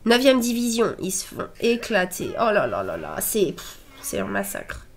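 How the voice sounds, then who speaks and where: A woman with a stuffy nose and a nasal voice, commenting excitedly on an anime episode and reading its subtitles aloud. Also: medium pitch, normal speed. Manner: excitable, exclaiming and laughing between read-out subtitles. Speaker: anime reaction host.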